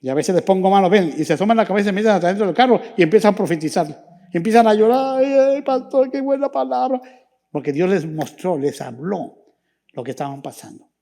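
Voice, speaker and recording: High-voiced fervent male pastor. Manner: fervent preaching, rising and dropping to hushed prayer. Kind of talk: sermon and prayer. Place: church.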